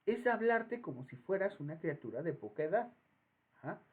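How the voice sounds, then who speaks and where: Animated Mexican professor, tinny line. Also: male voice, high-pitched, normal speed. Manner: animated, acts out voices in anecdotes. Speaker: psychology professor. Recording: tinny phone-like audio.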